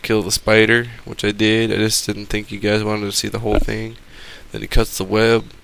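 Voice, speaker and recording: A man's voice: fairly low pitch, completely flat delivery, moderate pace, gravelly, a bit bright. A man giving casual game commentary as a voice-over, rambling, profane and sarcastic.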